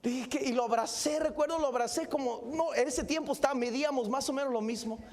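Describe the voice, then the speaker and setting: A man, a pastor telling a story in a sermon in an animated, dramatic way with exclamations. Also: very high voice, fast. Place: church sanctuary.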